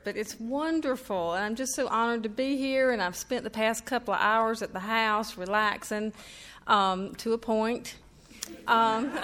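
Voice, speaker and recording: Speaking a little high with a fairly bright tone, this middle-aged Southern-accented woman from North Carolina is an author at a reading. In an event room full of listeners, she delivers chatty, humorous remarks that poke fun at herself.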